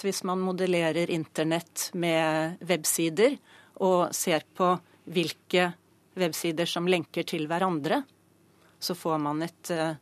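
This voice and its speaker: A woman with a lowish voice answers in a studio news interview, explaining mathematics with plenty of hesitations. Her sound is close and dry, typical of a studio microphone. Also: no echo. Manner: explanatory, hesitant with many fillers. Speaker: mathematics professor, prize committee chair.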